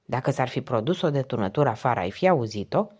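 Calm middle-aged police inspector, voiced by a female audiobook reader: low, unhurried, gently encouraging. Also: slightly rough, exaggerated voice. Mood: probing. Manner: calm, encouraging, measured questions.

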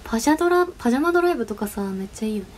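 A young woman with a fairly high voice and a chats casually into her phone on a livestream. She giggles often and thanks viewers as she reads their comments aloud. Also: animated, rapid-fire, darkish tone. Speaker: idol livestream host.

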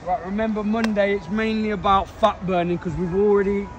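A man's voice: high-pitched, fairly even intonation, brisk, dull audio. A young man, chilled from cold river water, chatting casually to live-stream viewers and rallying them as a fitness host. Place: outdoors, in and beside a park river. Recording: noisy outdoor recording.

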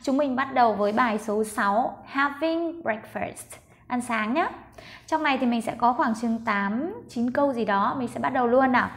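Woman, high voice, patient pronunciation teacher, slow step-by-step sound drills. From Vietnam. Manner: patient, spells sounds slowly, models words.

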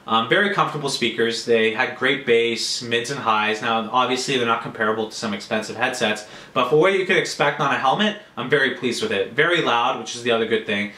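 A Canadian man in his 20s reviews motorcycle gear casually to camera from a small furnished room at home. His bright, medium-pitched voice comes through with roomy, echoey indoor sound.

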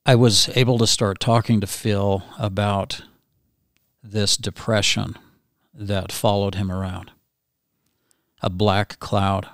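A middle-aged man hosting a podcast, speaking in a slow, measured way. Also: lowish voice, flat delivery, dry recording, studio quality. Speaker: podcast host, hypnotist. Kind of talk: gentle interview talk. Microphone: podcast mic.

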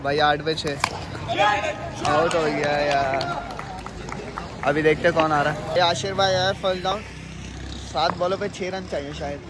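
A man's voice: a little high, fairly even intonation, measured pace, long pauses. A young man gives eager ball-by-ball commentary on a street cricket match, cheering his teammates on. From Pakistan. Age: young adult. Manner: eager, counting balls and runs, cheering teammates. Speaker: vlogger and team player. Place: outdoor street cricket ground at night. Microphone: handheld phone. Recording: outdoor phone audio with crowd noise.

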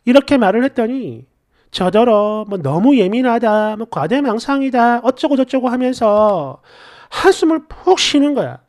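A woman's voice: fairly high pitch, big pitch swings, normal speed, darkish tone. A young woman narrating her own marriage story in a chatty, indignant, confessional way. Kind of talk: first-person story narration.

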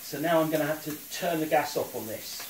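A middle-aged man, cooking at home, explains a recipe step by step while a phone camera films from across the kitchen. His fairly high voice runs a little fast, and there's a bit of hiss or hum. The sound is roomy and distant, with sizzling and boiling in the background.

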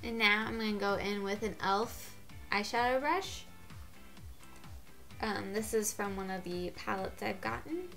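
A woman's voice: medium pitch, measured pace, creaky, fairly bright tone, faint music behind. A congested woman with a cold giving a chatty makeup tutorial, gushing and getting out of breath. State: gets out of breath. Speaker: beauty vlogger.

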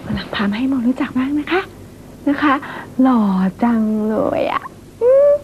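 Cheeky spoiled daughter, high and lively, slightly muffled. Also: female voice, normal speed, slight background noise. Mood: gushing. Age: young adult. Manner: sugary, gushing and teasing.

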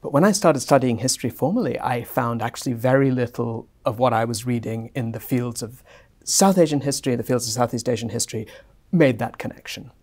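A middle-aged man from Singapore, a guest historian answering at length in a measured, fluent way in a bright office lounge. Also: medium pitch. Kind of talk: academic conversation.

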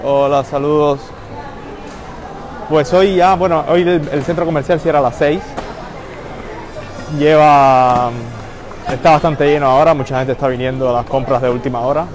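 Holding his phone camera as he streams live through a crowded mall, a man greets viewers by name while touring. He speaks at normal speed with a slightly high voice, fairly even intonation and long pauses, over loud mall and crowd ambience.

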